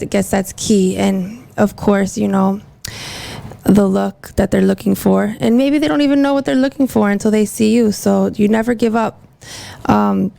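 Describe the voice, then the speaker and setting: A woman's voice: medium pitch, vocal fry, dark tone. A woman hosting a casual podcast from her mobile salon, chatting in a rambling, upbeat, self-hyping way, recorded on a phone. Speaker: podcast host, hairdresser. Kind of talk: casual interview chat.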